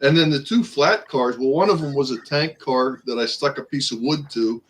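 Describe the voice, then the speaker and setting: A man on a video call, talking through his hobby work in a relaxed, matter-of-fact way. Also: mid-range voice, moderate pace, low-quality recording. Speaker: panelist on a livestream. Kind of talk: casual chat.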